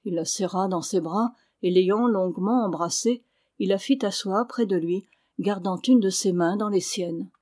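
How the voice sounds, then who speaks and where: A woman reading a classic novel aloud as calm, even scripted narration. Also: medium pitch, normal speed. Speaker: audiobook reader.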